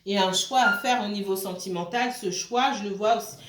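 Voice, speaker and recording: A woman gives a casual tarot reading in a talky, halting way, stopping and restarting and checking in with her listeners again and again. Her voice sits in an ordinary middle range, and the room around her has a noticeable echo. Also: medium pitch, fairly bright tone, slight background noise. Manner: hesitant, with many fillers and restarts. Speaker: tarot card reader. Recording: roomy echo.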